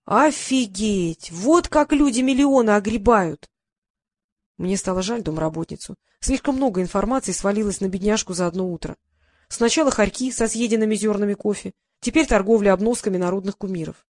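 A woman narrating an audiobook in a lively, wry storytelling manner, close to the mic. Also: mid-range voice, fast talker, no room sound. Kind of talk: scripted narration.

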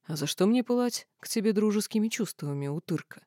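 Woman playing hateful male lord, growls and shouts, cold contempt, audiobook. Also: mid-range voice, expressive, brisk, no echo, clean studio sound, natural voice. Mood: mocking. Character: furious red-haired male lord, hateful and menacing.

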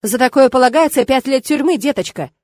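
A woman's voice: mid-range voice, lively intonation, quick pace, a little mellow, dry recording, close to an everyday voice. A woman reads out an irritable hunter in an audiobook romance. He is mocking and spiteful. The sound is dry and close.

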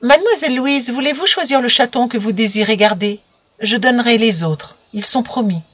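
A woman's voice: fairly high pitch, a little fast, no room sound, voice pushed up, lightly acted. Woman doing a polite household cook.

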